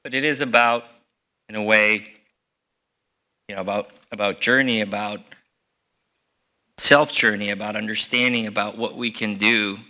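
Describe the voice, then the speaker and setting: A man's voice: lowish voice, fairly even intonation, normal speed, long pauses, sharp tone. A middle-aged man from Rica, a surgeon giving an earnest conference talk with fillers and restarts. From Costa Rica. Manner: earnest, fillers and restarts, stresses key words. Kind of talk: conference presentation.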